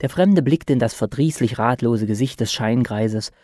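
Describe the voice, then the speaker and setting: A man narrating a story in a measured reading voice, stretching out words for emphasis. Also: mid-range voice, mellow, dry recording, studio quality. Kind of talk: scripted narration.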